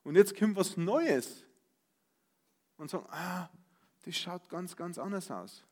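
A high-pitched Bavarian man delivers a sermon, alternating between loud outbursts and quiet asides while acting out grumbling voices.

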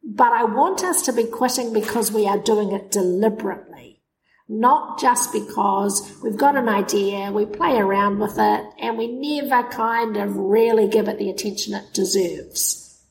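A woman's voice: medium pitch, normal speed, creaky, a little hiss or hum. A woman co-hosting a casual podcast chat, sounding tinny and hollow, like a tin can, through a laptop microphone. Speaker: podcast co-host. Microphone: laptop microphone, mouth close to it.

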